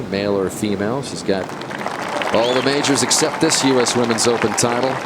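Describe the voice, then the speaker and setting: A man anchoring live television commentary on a golf tournament as a golf commentator. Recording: steady outdoor rumble behind voice.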